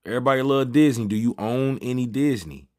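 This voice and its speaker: A man in his thirties hosts a trading livestream in a mid-range, fairly quick voice with a darkish tone. He banters with viewers in loose slang and gets sidetracked easily, drifting off topic.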